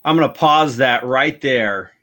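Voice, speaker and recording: A man's voice: mid-range voice, a little slow, bright, forceful tone, faint music behind. A man with an American accent chatting casually as host of a livestream about fishing.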